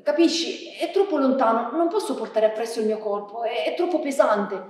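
A woman reading a gentle, sad little prince boy aloud on a theatre stage, with a soft, tender, quietly pleading delivery. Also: fairly high pitch, animated, fairly quick, close to an everyday voice. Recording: echoey theatre from far off.

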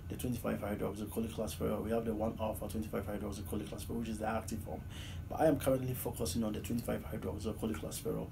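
A man's voice: on the low side, gravelly. A man in his thirties from Ghana with a Ghanaian accent, earnestly answering interview questions from a small office, with many "uh" fillers. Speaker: PhD student guest. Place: small office, seated in desk chair. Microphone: far camera, low angle. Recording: noisy room recording.

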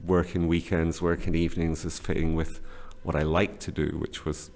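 Rumbling low and slightly creaky yet a little mellow, this teacher trainer speaks flatly at normal speed, full of fillers and restarts as he is interviewed casually. He is in his forties, Scottish-born and raised in northern England, speaking into a desk-stand studio mic in a small classroom office.

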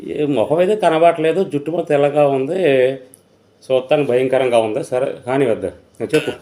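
A man's voice: mid-range voice, fairly quick, warm tone. A man hosting a live online debate, mocking and insulting his opponents in a sneering, abusive tone. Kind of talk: mocking live-stream commentary.

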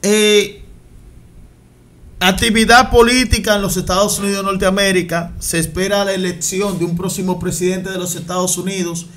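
A young man hosting an interview from a studio set with a headset mic, asking long, wordy questions with flattering build-ups. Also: high-pitched, moderate pace. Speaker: interview host. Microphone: headset mic on a stand in a studio set.

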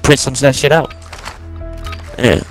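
A man's voice: mid-range voice, unhurried, faint music behind. Young man rambling in slangy stories. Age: 20s. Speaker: gamer. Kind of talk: casual chat while playing. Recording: game sounds and gunfire behind the mic. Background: gunfire from the game.

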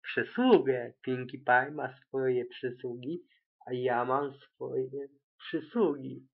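A fretful, theatrical young unicorn mare who gushes over every small thing, as a man reading the story puts her on. Her pitch sits in the middle range, never strained high. The sound is thin and tinny, like it comes down a phone line. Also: slow, gravelly. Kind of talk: amateur audiobook reading.

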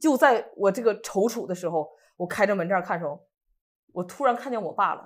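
Chatting casually, a Northeast Chinese co-host recounts something that happened to her, playing out other people's lines with animation. Her pitch is medium and her pace quick.

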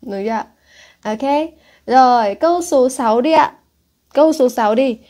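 A woman with a high-sitting, mellow voice speaks at a moderate pace. She's an English teacher with a Northern Vietnamese accent running an exam-prep lesson, reading English words aloud before explaining them and often checking that her students have followed.

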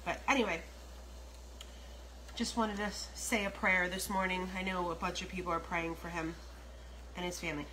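Cooking live for viewers from her home kitchen, this middle-aged American host speaks in a fairly low, bright, forceful voice, though her delivery stays flat. She rambles at an easy pace, tossing out asides as she works. Her phone sits propped close by to capture it, and the frying sizzle of the pan and her stirring fill the noisy room.

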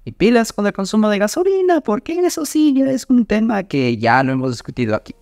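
A man's voice: high voice, very animated, brisk, vocal fry, darkish tone, no echo, studio quality. A man, co-hosting a casual car chat in a friendly way. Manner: friendly, addresses partner as amigo. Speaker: co-host. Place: small studio set with brick wall. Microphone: desk microphone.

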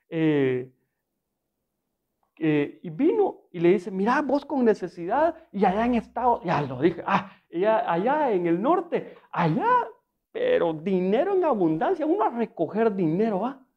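A man's voice: sits high, muffled recording. A male pastor preaching a sermon in a conversational, storytelling way, often asking his listeners rhetorical questions and adding humor.

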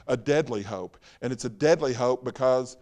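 With a mid-range voice, a man preaches as pastor at a Sunday service in a church sanctuary. His rhetorical questions come fast, followed by a hushed, slowed-down voice whenever he wants emphasis.

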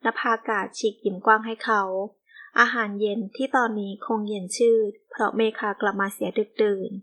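A woman reading an audio novel aloud in steady, scripted narration. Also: mid-range voice, normal speed.

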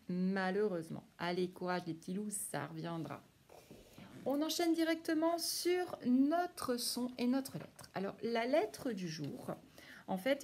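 Slow, encouraging woman teaching young children. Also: medium pitch, a little mellow. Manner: slow, clear and encouraging, praising pupils by name. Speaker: primary school teacher. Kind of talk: recorded class lesson for young children.

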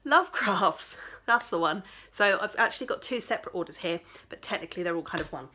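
Showing off yarn from a small craft room at home, this woman crochet vlogger sounds tired but chatty, rambling casually with many fillers. Her medium-pitched voice is pushed and bright, with lively intonation and a slightly fast pace, over slight background noise.

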